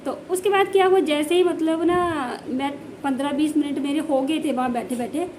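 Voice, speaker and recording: A high-pitched woman from the Jammu region tells a family story on her home vlog. She talks in a casual way and says things twice to drive them home. A faint hiss sits under her voice. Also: fairly quick, a little mellow. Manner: emphatic, repeats phrases for stress. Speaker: village housewife vlogger.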